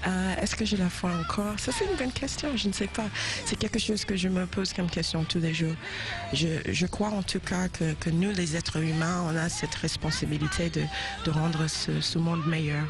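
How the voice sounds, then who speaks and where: Over music, a woman with a lowish voice and fairly even intonation speaks at normal speed. She is a singer and interview guest from South Carolina, a native English speaker with an American accent, hesitantly answering questions in French with many fillers and restarts.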